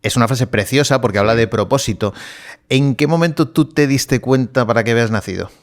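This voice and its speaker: A man hosting an interview podcast, presenting his guest in a measured, formal way and then asking questions. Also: medium pitch. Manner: measured, formal, emphatic when introducing. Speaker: podcast host. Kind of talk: scripted guest introduction and interview.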